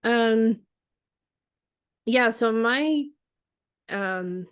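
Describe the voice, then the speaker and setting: A woman in her forties co-hosts a podcast, chatting casually, laughing often and restarting her thoughts. Her high, smooth voice draws out words, and the recording has no room sound.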